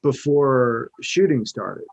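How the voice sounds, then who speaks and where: Relaxed man interviewer, dull recording. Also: mid-range voice, takes it slowly, gravelly, slightly rough. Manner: relaxed, conversational, fillers. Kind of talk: casual interview chat.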